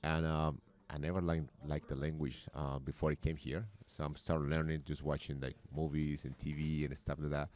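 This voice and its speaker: Give me a very deep, low-pitched man with a Colombian accent, speaking haltingly as an interview guest. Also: little pitch movement, a little mellow. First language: Spanish. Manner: hesitant, often repeats and restarts words. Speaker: podcast guest. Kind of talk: casual interview talk.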